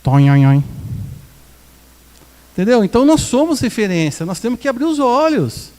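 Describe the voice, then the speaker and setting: A man's voice: very high voice, very animated, quick pace, a little mellow, big-room sound. A Brazilian pastor preaching a sermon in a conversational, joking way, acting out quotes from his congregation. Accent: Brazilian Portuguese. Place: small church hall.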